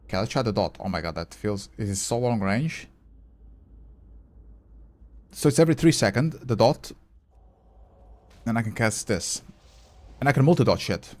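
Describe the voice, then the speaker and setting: Playing a game live for viewers, a man speaks in a lowish, slightly mellow voice that's expressive, with a moderate pace and frequent pauses. He chats casually, answers his chat, thinks aloud, and curses from time to time.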